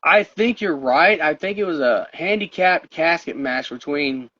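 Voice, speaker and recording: This co-host's voice is on the high side, animated, bright and forceful, delivered at a measured pace. Yet he sounds tired, his voice wearing out, as he rambles and laughs often through casual wrestling talk on a podcast with dull lo-fi sound.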